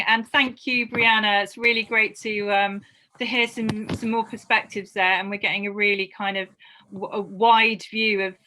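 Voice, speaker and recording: A woman hosting a live online event, thanking and introducing speakers in an appreciative, slightly halting way. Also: on the high side, bright, forceful tone, poor audio.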